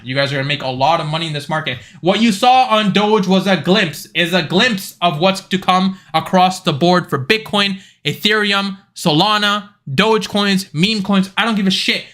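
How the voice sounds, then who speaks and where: A young man with a high, bright voice hosts a live trading stream. He talks in a blunt, emphatic way and swears freely. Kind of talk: live stream chart commentary.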